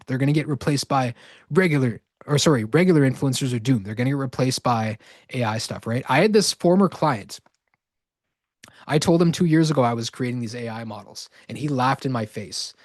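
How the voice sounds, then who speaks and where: Brief: male webinar host, mid-range voice, dry close sound, a bit hoarse, keeps asking "right?". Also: mid-range voice, a little mellow, no room sound. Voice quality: verbal tic, repeating "right?". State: slightly hoarse. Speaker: online course host. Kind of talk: live webinar sales pitch.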